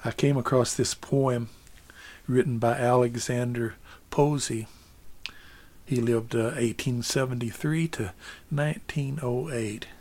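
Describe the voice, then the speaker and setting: A man telling a story in an unhurried, easygoing way, often repeating words as he gathers his thoughts. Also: mid-range voice, steady tone, darkish tone. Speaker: storyteller and singer.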